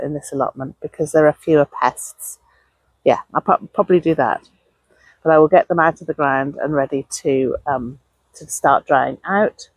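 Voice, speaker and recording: A woman speaks in a low, somewhat husky voice. She chats informally to her viewers in a gardening video diary, recorded outdoors with a dry, echo-free sound. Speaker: allotment gardening vlogger. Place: outdoors on an allotment.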